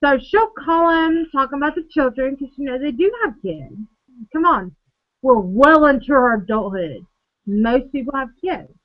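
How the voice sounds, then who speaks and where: A woman co-hosting a casual drinking chat show, telling stories in a profane, animated way. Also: high voice, moderate pace. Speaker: podcast co-host. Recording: dull lo-fi recording.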